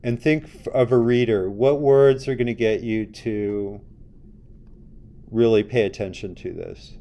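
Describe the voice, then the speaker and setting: A male design instructor works through a screen demo during a class lecture, chatting casually and asking the students questions along the way. His voice is lowish and mellow, and he speaks at a measured pace.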